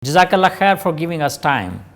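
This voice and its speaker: A man's voice: on the high side, very animated, brisk, a bit bright. A man hosting an interview, introducing his guest and asking earnest, probing questions. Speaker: interview host.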